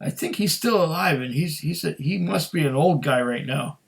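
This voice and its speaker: Speaking at normal speed in a fairly high voice with vocal fry, a middle-aged whisky reviewer leads an informal tasting chat. His talk wanders, and he keeps starting over mid-thought.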